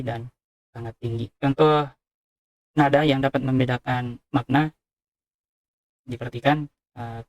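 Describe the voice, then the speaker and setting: Man, university lecturer, measured, frequent fillers, dry close sound. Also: mid-range voice, a little mellow, no echo. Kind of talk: recorded lecture on speech sounds.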